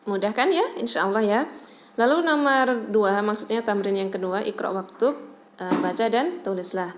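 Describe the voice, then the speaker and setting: A woman teaching a recorded Arabic lesson, slowly reading each phrase, translating it and explaining pronunciation with patient check-ins. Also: mid-range voice. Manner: patient, adds "ya" to check understanding.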